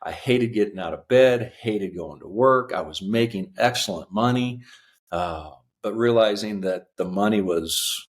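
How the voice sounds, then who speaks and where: Earnest low-voiced man in his fifties. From United States. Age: 50s. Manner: earnest, halting with many fillers. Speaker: podcast guest. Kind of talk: reflective personal storytelling.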